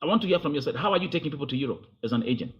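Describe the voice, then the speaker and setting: A Kenyan man interviews a guest quickly and insistently, often repeating words to take over the talk. His voice sits a little high. The recording sounds dull and lo-fi. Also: expressive. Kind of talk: interview before a live audience.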